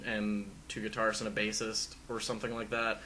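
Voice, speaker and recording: Bright-voiced rambling podcast man. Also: lowish voice, monotone, a little fast. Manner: rambling storyteller with many fillers and restarts. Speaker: podcast host. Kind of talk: casual chat.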